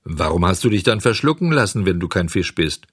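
A man voicing a calm, philosophical male dolphin with a hoarse voice. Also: deep voice, fairly quick, dry recording, studio quality, exaggerated voice. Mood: resigned.

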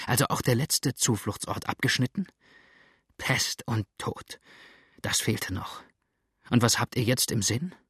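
A scheming, nervy fugitive from a storybook, brooding and tense as he speaks, played by a male narrator. His voice is mid-pitched, and the reading is dry and close. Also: unhurried, pauses often, fairly bright tone, breathy edge, dry recording. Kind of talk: audiobook reading.

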